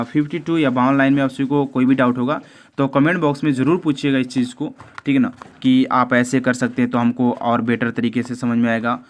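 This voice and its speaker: A man teaching an English lesson, explaining it in Hindi. He speaks hesitantly, with frequent filler sounds, stumbles over the English lines and talks to his viewers as friends. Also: medium pitch.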